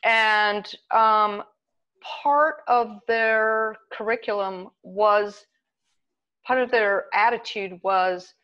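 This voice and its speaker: A woman artist answering interview questions in a measured, conversational way, with small laughs. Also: mid-range voice, lo-fi sound.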